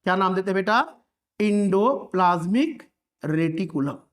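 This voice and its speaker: A man's voice: high voice, animated, unhurried, fairly bright tone. Man teaching, quizzing the class in call-and-response. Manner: repeats key terms and asks the class to echo them back. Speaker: biology teacher. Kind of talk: classroom lecture at a board.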